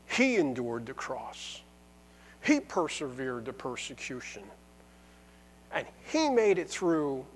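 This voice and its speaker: A man preaching a sermon, building to fervent, emphatic repetitions before dropping back to a quiet close. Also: on the high side, breathy edge, poor audio. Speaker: pastor. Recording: music playing underneath.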